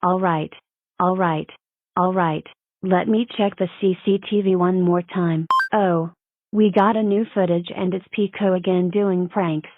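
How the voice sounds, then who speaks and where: A woman's voice: on the low side, steady tone, unhurried, narrow, tinny audio. A synthetic-sounding woman voicing a stern, matter-of-fact cartoon schoolteacher with formal delivery. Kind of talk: scripted cartoon dialogue.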